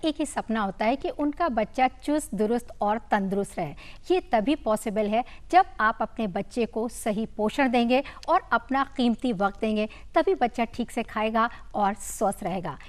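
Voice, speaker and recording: Woman host, higher pitch, formal and courteous broadcast delivery. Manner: polite formal presenter, frequent affirmations. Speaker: TV show host. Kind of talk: broadcast hosting.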